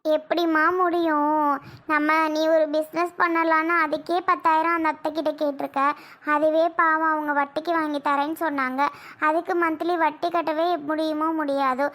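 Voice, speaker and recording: A woman's voice: sits high, level tone, normal speed, fairly bright tone. A woman playing an earnest teenage elder daughter. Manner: earnest, persuading. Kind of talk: family drama skit.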